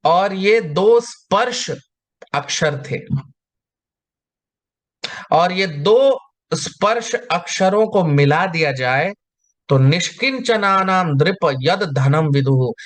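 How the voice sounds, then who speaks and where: A man giving a scripture lecture, chanting verses slowly and then explaining them line by line. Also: fairly high pitch, expressive. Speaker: spiritual teacher.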